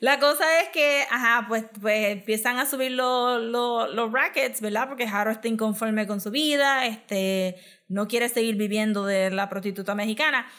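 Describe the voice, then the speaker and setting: A woman's voice: fairly high pitch, moderate pace, a bit bright. A woman recapping a film in casual chat, mixing in English words, with lots of fillers and laughs.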